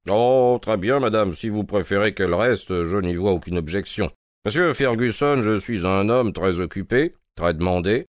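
A man reading a confident, measured detective. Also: on the low side, dry recording, studio quality, voice pushed up, natural voice. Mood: assured. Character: cool, brisk, self-assured male detective. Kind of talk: audiobook character reading.

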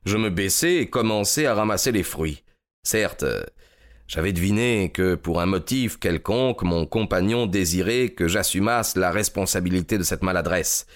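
Casting: man, lowish voice, steady audiobook narration. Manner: steady, measured storytelling.

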